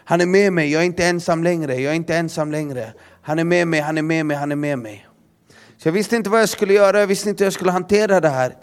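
A young man giving a personal testimony as a preacher, halting and earnest, often repeating his words. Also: fairly high pitch, clear, resonant tone.

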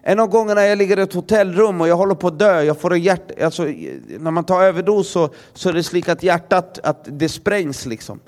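A young man giving a personal testimony as a preacher, halting and earnest, often repeating his words. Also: high-pitched, darkish tone.

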